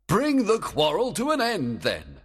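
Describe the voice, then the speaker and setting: A man's voice: sits high, huge pitch swings, unhurried, slightly rough, in a large hall, voice pushed up, heavily acted. A man playing a commanding, gloating fairy king. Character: proud, scheming fairy king. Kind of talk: storybook read-aloud.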